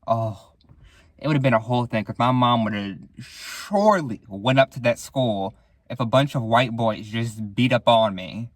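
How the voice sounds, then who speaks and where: A young man at a mid-range pitch recounts stories on his own podcast in a relaxed, joking way. He laughs often, swears now and then and pops into exaggerated voices for quotes. The recording is dry and close to the mic. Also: normal speed, no echo. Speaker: podcast host. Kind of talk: casual solo storytelling.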